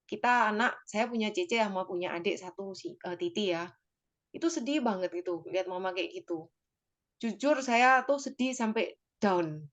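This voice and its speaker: A woman tells a personal story to her church group in an open, emotional, conversational way. She leans on fillers and little tag phrases and keeps turning to her listeners as friends. Her voice sits at an ordinary pitch for a woman. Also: lively intonation, moderate pace. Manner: addresses listeners directly. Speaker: church small-group member giving a testimony.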